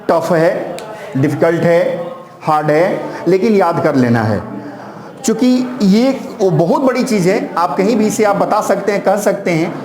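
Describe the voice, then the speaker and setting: Man, Sanskrit grammar teacher, high voice, roomy echo, reciting letter lists. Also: darkish tone. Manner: recites syllables in slow drawn-out lists, addresses students as "beta". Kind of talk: classroom-style lesson.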